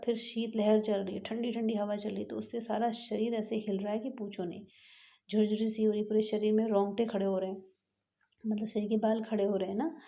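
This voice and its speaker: Woman teacher, chapter reading, patient retelling, very dark mellow voice. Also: mid-range voice. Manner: reads a passage, then retells it in simpler words; slow, patient explaining with pauses and restarts. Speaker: school teacher. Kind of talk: reading and explaining a textbook chapter.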